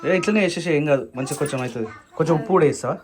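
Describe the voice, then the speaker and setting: A man's voice: on the high side, rapid-fire, music in the background. A man, chatting casually through a village cooking vlog and explaining each step to viewers as he works. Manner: chatty, explaining steps to viewers while working. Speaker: vlogger. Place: village home kitchen.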